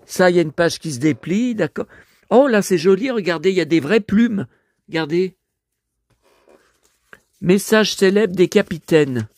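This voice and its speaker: Hoarse man, rambling home vlog, aggrieved and swearing, dry close sound. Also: high-pitched, lively intonation, normal speed, pauses often, a little mellow, no echo. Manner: grumbling, aggrieved, swears often, keeps addressing viewers. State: hoarse, voice worn out. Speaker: collector showing his finds. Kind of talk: rambling vlog talk to viewers.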